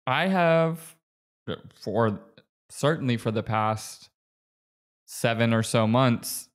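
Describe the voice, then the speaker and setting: A man's voice: medium pitch, slow pace. A man in his late thirties hosting a casual podcast chat, talking in a rambling, chatty way with frequent laughs and restarts. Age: 30s. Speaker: podcast host.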